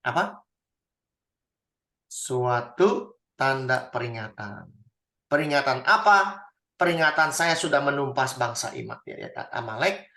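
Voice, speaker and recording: A man teaching a Bible study, animated, swinging between loud and hushed. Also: medium pitch. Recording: roomy echo.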